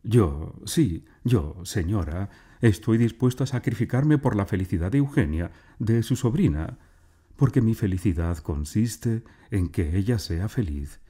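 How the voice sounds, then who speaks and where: A man voicing an earnest, lovesick young gentleman who speaks solemnly and politely, in a storybook reading. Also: lowish voice, lively intonation, measured pace, slightly rough, voice pushed up.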